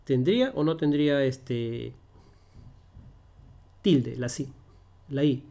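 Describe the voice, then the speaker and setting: A man teaching a grammar lesson one on one over a call, speaking slowly and patiently, repeating his examples and checking that his listener understands. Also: mid-range voice, lively intonation, gravelly, mellow.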